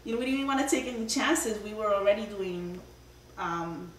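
A woman's voice: medium pitch, expressive, normal speed. A middle-aged woman, a homeowner, earnestly telling a long story at her dining table with many fillers. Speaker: homeowner giving a testimonial. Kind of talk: casual testimonial. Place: dining room of a house, indoors. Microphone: far camera. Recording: roomy, distant camera audio, faint hum.

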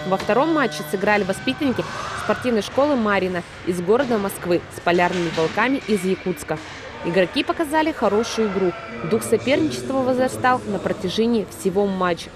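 A woman's voice: medium pitch, lively intonation, fairly quick. Woman narrating sports news over music. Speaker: news reporter.

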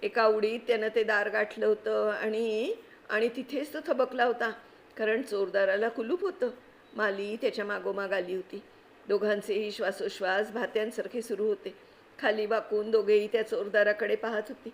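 A woman giving an expressive, vivid reading of a story aloud. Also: mid-range voice, normal speed. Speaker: story reader.

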